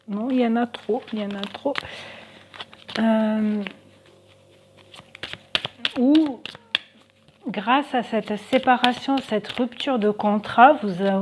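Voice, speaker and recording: Female card reader, slow and halting, lots of fillers, casual reading for viewers. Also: medium pitch, a little mellow, a little hiss or hum. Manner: hesitant, many fillers, thinking aloud.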